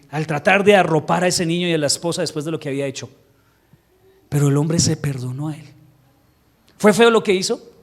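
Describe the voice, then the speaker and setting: A male pastor delivers a sermon in a church. He tells the story in a lively, humorous way, and his voice sits somewhat high for a man. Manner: animated storytelling, acting out quotes with humor.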